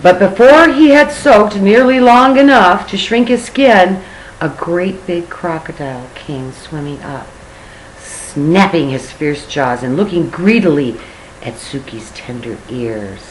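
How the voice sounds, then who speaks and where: A woman's voice: on the low side, expressive, measured pace, a little hiss or hum, rough recording. An older woman, a grandmother, reading a picture book aloud to a child expressively, with chatty asides.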